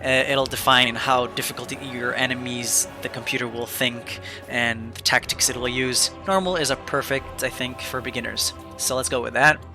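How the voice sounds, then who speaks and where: A man's voice: medium pitch, steady tone, normal speed, few pauses, music in the background. A man narrating a beginner's video game tutorial in a casual, rambling, upbeat way, with many fillers and restarts. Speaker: gaming video creator.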